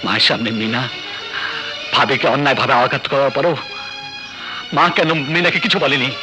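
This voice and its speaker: Film drama: actor as a respectful, earnest younger brother, medium pitch, score underneath. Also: male voice, brisk, natural voice. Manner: polite, earnest, questioning. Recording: film soundtrack with music underneath.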